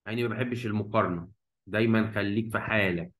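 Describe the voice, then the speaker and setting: A man's voice: fairly low pitch, steady tone, a bit bright, low-quality recording. A man with an Egyptian Arabic accent teaches an English grammar lesson, switching between Arabic and English and quizzing his students with rhetorical prompts. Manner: stretches out English words slowly when modeling them.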